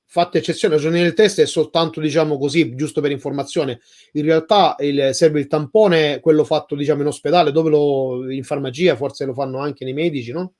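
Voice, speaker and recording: A man's voice: a little high, darkish tone. A man chatting casually as a co-host who puts questions to his partner. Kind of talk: casual chat.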